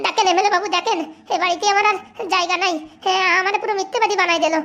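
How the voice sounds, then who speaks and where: Woman voicing a touchy male servant, cartoon comedy, indignant, quick. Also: very high voice, fairly even intonation, bright, forceful tone. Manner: indignant complaining.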